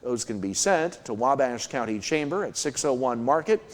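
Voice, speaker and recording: A man's voice: mid-range voice, animated, normal speed. An American man reading a scripted local newscast as its anchor. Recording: long hall-like reverb.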